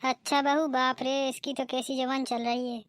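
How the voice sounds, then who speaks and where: Woman playing a scolding cartoon mother-in-law, middle-aged, high-pitched, monotone. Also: moderate pace, no room sound, natural voice. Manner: nagging, scolding. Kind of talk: cartoon voice acting.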